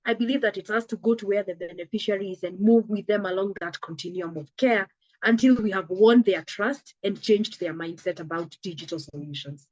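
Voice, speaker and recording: Speaking briskly in a mellow mid-range voice, this telehealth founder is earnest and emphatic in a conversational interview, slipping into little acted-out dialogues. A coming cold makes her a bit scratchy, and the recording is dry and muffled.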